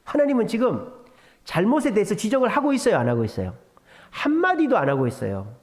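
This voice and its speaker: Lively high-pitched male preacher. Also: quick pace. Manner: animated preaching, acts out God's lines in a casual voice; drops to a whisper for emphasis. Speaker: pastor. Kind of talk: sermon.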